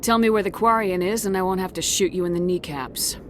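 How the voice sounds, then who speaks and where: A man's voice: high-pitched, brisk, slight background noise. An actor voicing a hardened male military commander in a video game, curt, commanding and threatening. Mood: ruthless. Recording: game audio with loud score behind.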